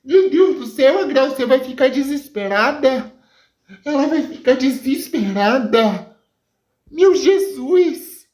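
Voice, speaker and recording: A woman voicing an excitable, flustered woman who exclaims and stammers in a raised voice. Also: fairly high pitch, measured pace, reverberant, voice pushed up, close to an everyday voice. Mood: alarmed. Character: excitable shocked grandmother type woman.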